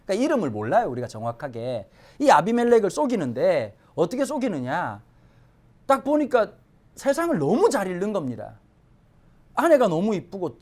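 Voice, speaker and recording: Animated male pastor preaching. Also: high voice. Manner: lively, conversational, joking asides. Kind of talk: Sunday sermon.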